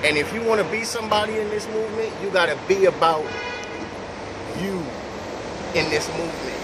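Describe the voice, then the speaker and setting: A middle-aged man from Brooklyn, New York, leads a spoken prayer for an online group in a high voice, preacherly and measured with emphatic pauses. He films on a phone camera held at arm's length on a city sidewalk at night beneath an elevated train, whose passing is very loud.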